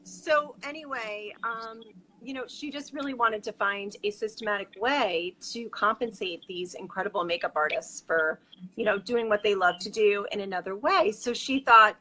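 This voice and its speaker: A woman's voice: medium pitch, moderate pace, bright, forceful tone. A woman guest telling her story in a casual interview, her voice echoey over a weak video-call connection from a hotel room. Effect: echoey sound over a weak video-call connection. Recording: echoey call audio with faint background noise.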